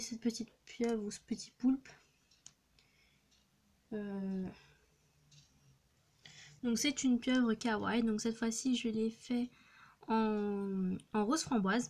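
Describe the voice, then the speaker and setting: Hesitant young girl showing her crafts. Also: on the high side. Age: young teen. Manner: hesitant, many fillers and restarts. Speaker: craft vlogger. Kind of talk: casual show-and-tell narration. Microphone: phone.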